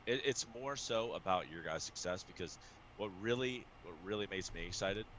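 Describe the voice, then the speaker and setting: A man, a poker streamer and coach, chatting casually and excitedly, swearing often and restarting his sentences. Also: sits low, moderate pace, slight background noise, poor audio. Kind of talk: casual show chat.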